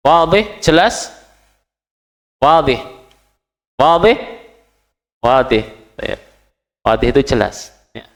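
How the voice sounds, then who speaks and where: Guy teaching an arabic class, talks slow, kinda high voice, keeps asking if everyone gets it. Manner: patient, repeats each Arabic phrase and then translates it; quizzes the class with short questions. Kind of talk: classroom language lesson.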